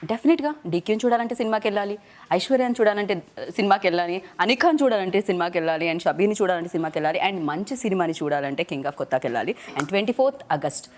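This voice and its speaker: Fast-talking woman interview host. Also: medium pitch, expressive. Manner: chatty, many quick acknowledgements. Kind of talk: casual interview mixing English and Telugu.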